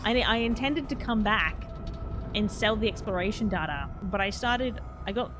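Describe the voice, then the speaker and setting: A woman's voice: medium pitch, moderate pace. A woman casually chatting while live-streaming a game, laughing often and answering her chat. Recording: music playing behind the voice.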